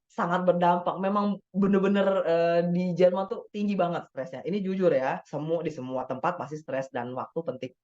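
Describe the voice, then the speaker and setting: Panel doctor from Indonesia, loose conversational delivery, voices quoted colleagues, mid-pitched voice, dull video-call audio. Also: a little mellow. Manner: chatty, acts out quoted dialogue, frequent tag words. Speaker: doctor speaking on a webinar panel. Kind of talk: casual webinar talk. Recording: slightly dull lo-fi webinar audio.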